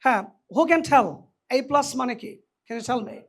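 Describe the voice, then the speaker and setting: Man, pronunciation trainer, teasing, energetic, orientation hall, handheld mic. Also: very high-pitched, measured pace. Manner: energetic, teasing, mixes in English phrases. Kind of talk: lively classroom lecture with a live audience.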